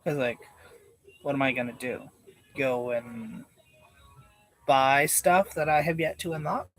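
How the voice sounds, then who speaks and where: Slow-talking laid-back stoner guy. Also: medium pitch, steady tone, fairly bright tone, no room sound, faint music behind. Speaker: live streamer. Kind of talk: casual rambling livestream chat.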